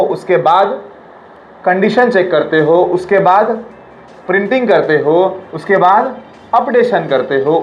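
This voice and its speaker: सवाल दोहराता हुआ हिंदी-अंग्रेज़ी शिक्षक. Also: male voice, high-pitched, a little hiss or hum, poor audio. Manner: quizzing, repeats questions, drills pronunciation. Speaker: teacher. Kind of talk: classroom lecture.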